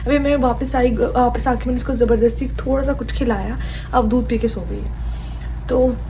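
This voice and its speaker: High-pitched young woman vlogging at home, chatty, loud background noise. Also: fairly even intonation, moderate pace, rough recording. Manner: chatty, repeats herself, slips into English words. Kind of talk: casual daily vlog chat.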